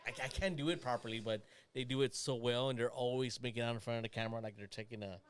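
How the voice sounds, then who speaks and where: A man's voice: mid-range voice, fairly even intonation, quick pace, clean tone. A man co-hosting a casual reaction chat, joking and rambling with restarts as he reacts. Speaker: co-host reacting to a video.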